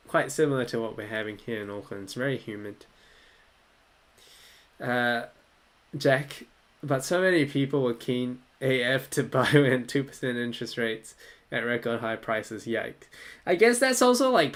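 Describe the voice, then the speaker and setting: A young man from Malaysia, hosting a casual livestream Q&A at his desk, relaxed and chatty, often laughing and thinking aloud. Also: medium pitch. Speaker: livestream host answering viewer questions. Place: small room indoors.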